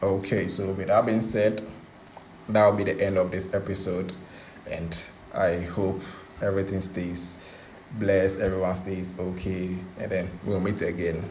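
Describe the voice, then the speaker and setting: The low, darkish voice of a man carries this coding tutorial, recorded indoors over a screen capture. He's unhurried and conversational, with little pitch movement, and he repeats himself for emphasis. There's room echo and steady background hiss.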